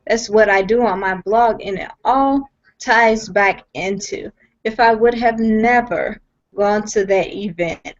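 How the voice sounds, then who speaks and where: Speaking slowly in a mid-range voice, a young woman at home recounts her own story as a guest on a video call. She's earnest and emphatic, tending to repeat points and begin sentences again. The personal testimony comes through in dull, lo-fi video call sound.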